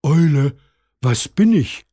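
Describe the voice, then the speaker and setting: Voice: mid-range voice, expressive, takes it slowly, mellow, slightly rough, no echo, clean studio sound. Cheeky young raccoon for a children's audiobook, eager and bouncy, voiced by the narrator. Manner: eager, calling out. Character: cheeky little male raccoon who wants to be a bear. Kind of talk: storybook character voice.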